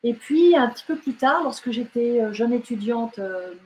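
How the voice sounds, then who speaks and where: Hesitant woman author, high voice. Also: expressive, moderate pace, a little mellow, low-quality recording. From France and Britain. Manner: hesitant, many fillers and restarts. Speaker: novelist guest. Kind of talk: casual interview talk.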